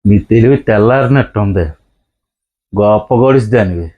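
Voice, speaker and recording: A middle-aged man performs a husband in a homemade comedy sketch. His voice sits fairly low, and he swings between loud scolding and muttering complaints to himself. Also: normal speed, muffled recording.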